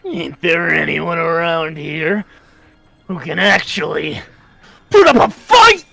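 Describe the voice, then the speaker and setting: A man's voice: a little high, fairly even intonation, takes it slowly, gravelly, bright, forceful tone, faint music behind, heavily acted. A man voicing a brash, tough cyborg brawler who taunts with colloquial bravado in a comic manga dramatization. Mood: taunting.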